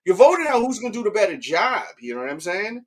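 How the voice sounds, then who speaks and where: A man's voice: high voice, very animated, fast talker. A man hosting a casual chat, rambling with restarts and often asking "you know what I mean".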